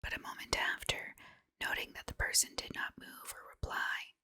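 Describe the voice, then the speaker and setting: A woman's voice: moderate pace, pushed and bright. A woman reads a children's storybook under her breath in an ASMR style, in an unvoiced whisper.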